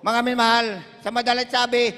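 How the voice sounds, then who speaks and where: A man's voice: extremely high pitch, monotone, a little fast, pushed and bright, clear, resonant tone, in a large hall. A man giving an emotional healing testimony to a congregation, who keeps calling his listeners beloved and breaks into hallelujahs. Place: crusade gathering in a large hall.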